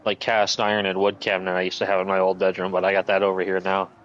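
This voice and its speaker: A man's voice: low-pitched, completely flat delivery, fast talker, highs cut off, a crowd in the background. A man streaming a game, chatting casually and laughing as he rambles. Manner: laid-back, rambling, laughs often. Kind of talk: casual chat while gaming.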